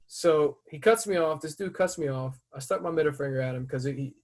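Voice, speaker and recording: A man hosting a podcast who tells a story in casual chat. He swears freely and breaks into loud, heated outbursts as he retells it. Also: on the high side, fairly quick. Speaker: podcast host.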